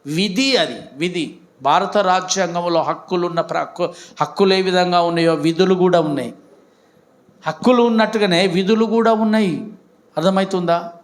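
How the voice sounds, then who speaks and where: A man's voice: sits high, normal speed. A man, preaching a Sunday sermon as pastor, with emphatic outbursts and questions put to the congregation. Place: church.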